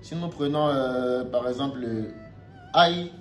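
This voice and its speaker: A man teaching Mandarin tones in a video lesson, speaking slowly, often checking "ok?" and repeating syllables loudly for drills. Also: mid-range voice. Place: lives in China. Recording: echoey room, faint music.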